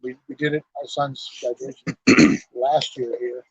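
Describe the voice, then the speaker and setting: Outdoors at an evening car show, a middle-aged car club president and garage owner gives a relaxed, folksy on-site interview. His mid-range voice is flat, a little slow and slightly breathy, with no room sound, though the live stream audio is dull and lo-fi.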